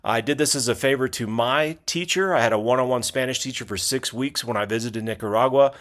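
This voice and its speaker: A man's voice: medium pitch, fairly quick, a bit bright. A man hosting a casual language lesson video, talking loosely with lots of fillers, restarts and joking asides.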